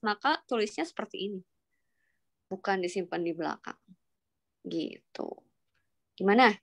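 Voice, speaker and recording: A math lecturer with a mid-range voice teaches an online calculus class, patiently guiding students through each step and prompting them with questions.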